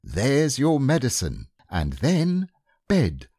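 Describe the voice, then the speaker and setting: A man's voice: mid-range voice, wildly swooping pitch, takes it slowly, warm tone, no room sound, clean studio sound, voice pushed up, heavily acted. A man voicing a motherly female kangaroo who is cheerful, firm and soothing. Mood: brisk motherly.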